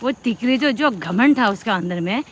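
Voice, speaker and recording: A woman's voice: on the high side, animated, normal speed. A young woman vlogger chatting through a long story, repeating herself and acting out what people said. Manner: chatty, repetitive, acts out the quotes. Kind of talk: casual storytelling. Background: traffic and street noise.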